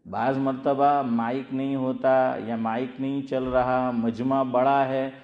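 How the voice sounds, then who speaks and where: The sound is lo-fi and reverberant as a male Islamic scholar speaks in a flat, mid-range voice. He delivers a conversational sermon, directing questions at the audience and reiterating key points.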